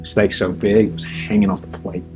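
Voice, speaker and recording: An actor playing a shiftless, rough-talking man, in a live staged reading. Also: lowish voice, flat delivery, brisk, over music, lightly acted. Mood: rambling. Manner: rambling, hesitant, folksy grammar.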